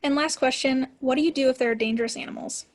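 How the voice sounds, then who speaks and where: A woman hosting a webinar, cheerful and brisk as she asks questions and introduces speakers. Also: high-pitched, fairly even intonation. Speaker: host. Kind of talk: webinar moderating.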